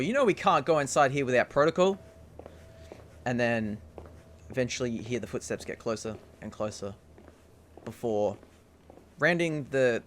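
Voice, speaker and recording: A man's voice: lowish voice, a little hiss or hum. A man narrating and running a tabletop role-playing game as game master, laughing often and easy with his fillers.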